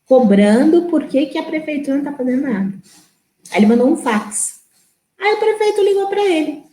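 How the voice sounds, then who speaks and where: São woman telling a lively story. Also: sits high, fairly quick, slight background noise. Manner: lively storyteller, acts out quoted people. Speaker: guest interviewee. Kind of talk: casual recounting in a live web interview. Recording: roomy echo.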